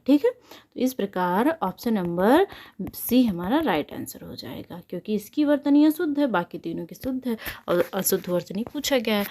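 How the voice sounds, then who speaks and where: A Hindi exam tutor teaches a spelling lesson online in a mid-range, darkish-toned voice. She repeats each answer and poses questions to herself before answering them.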